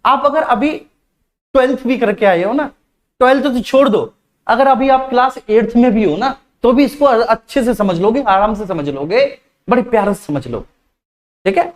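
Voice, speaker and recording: A male teacher giving a live online class, speaking slowly and deliberately, repeating key points and calling his students "beta". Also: very high-pitched. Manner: slow, deliberate delivery.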